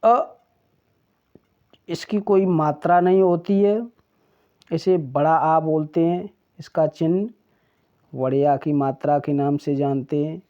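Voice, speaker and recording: A teacher giving an alphabet lesson, pronouncing each sound in a deliberate, drawn-out way. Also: mid-range voice, fairly even intonation. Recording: dull lo-fi recording.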